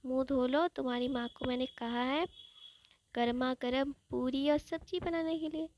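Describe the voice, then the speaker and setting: A woman's voice: sits high, steady tone, moderate pace, darkish tone, a little hiss or hum, natural voice. A woman voicing an older grandmother who scolds with love and fusses over her grandson. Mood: fussing. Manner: fussing, chiding.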